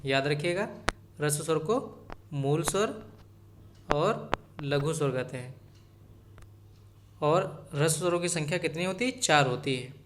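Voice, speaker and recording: A man teaching an exam-prep grammar lesson, greeting viewers as friends and repeating each key point so they remember it. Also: on the high side.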